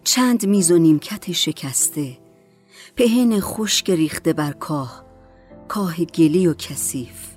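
A woman narrating a story as an audiobook in a calm, measured way. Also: deep voice, faint music behind.

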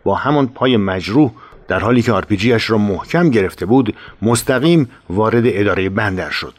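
A man reading a first-person war memoir aloud, grave and steady with dramatic emphasis. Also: lowish voice. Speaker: memoir narrator.

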